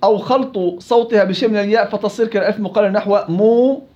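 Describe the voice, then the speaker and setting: A man teaching Quran recitation rules to students in a classroom. He corrects them, repeats syllables to demonstrate each sound, and recites verses slowly. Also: high voice, fairly even intonation. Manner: slow, drawn-out recitation of verses. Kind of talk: tajweed lesson with students. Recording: dull lo-fi recording.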